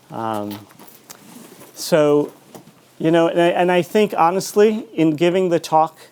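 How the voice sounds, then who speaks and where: A middle-aged man giving a conversational author talk in a reflective, halting, anecdotal way. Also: fairly high pitch, a little mellow, clear, resonant tone. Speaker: author and school teacher giving a book talk.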